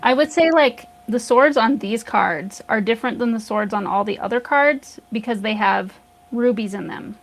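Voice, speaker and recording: A woman's voice: a little high, moderate pace. A woman chatting casually while playing a puzzle game with friends, musing and laughing often. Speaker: player.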